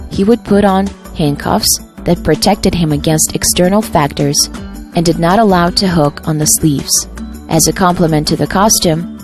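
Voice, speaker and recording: A woman reading a scripted documentary voice-over in an even, measured way. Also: deep voice. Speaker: voice-over translator.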